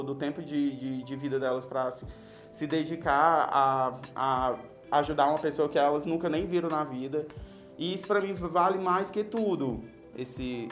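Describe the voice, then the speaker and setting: A man's voice: medium pitch, roomy sound. A man who survived an accident, speaking reflectively and hesitantly about gratitude. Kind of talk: reflective testimony.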